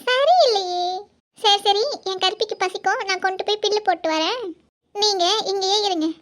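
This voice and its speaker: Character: a woman voicing a young village heroine. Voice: high, bright. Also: moderate pace. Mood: teasing. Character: young village woman, teasing then guilt-ridden. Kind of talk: cartoon voice acting.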